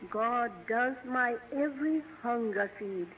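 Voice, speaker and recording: An older woman reciting a rhyming prayer in a slow, measured way, heard from an old archival recording. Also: fairly high pitch, fairly bright tone, muffled recording, soft background music. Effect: old archival recording played back. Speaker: prayer leader.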